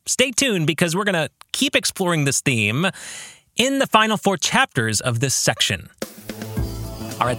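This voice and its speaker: A man with a high voice hosts a podcast, offering deliberate, reflective book club commentary. He is a podcast host and author, and he poses rhetorical questions to the listener.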